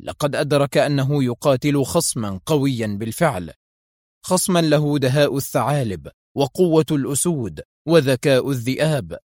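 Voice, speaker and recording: A man narrating a thriller audiobook in a dramatic, measured storytelling style. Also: medium pitch, lively intonation, a little mellow, dry recording, clean studio sound.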